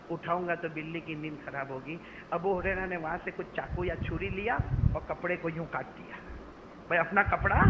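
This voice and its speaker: High-voiced preacher guy, dramatic sermon storytelling, drops to a hush then shouts, long hall echo, bit muffled and hissy. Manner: dramatic, acts out voices, swings from hushed to shouting. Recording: dull lo-fi hall with long reverb and faint noise.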